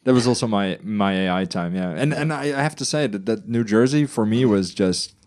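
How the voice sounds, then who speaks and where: A man's voice: on the low side, animated, fairly quick, darkish tone. A man from the Netherlands, podcast co-host, talking casually with frequent restarts and laughs. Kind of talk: casual conversation.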